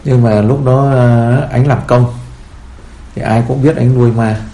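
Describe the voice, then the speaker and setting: Gravelly man giving a Buddhist sermon. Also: medium pitch, fairly even intonation, measured pace, mellow, roomy sound, a little hiss or hum, low-quality recording. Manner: rambling storytelling with many fillers. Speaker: Buddhist teacher.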